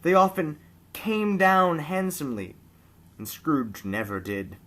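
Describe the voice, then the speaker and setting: A man's voice: a little high, big pitch swings, slow, fairly bright tone. A man reading classic prose aloud as an amateur storyteller, with a theatrical, emphatic delivery.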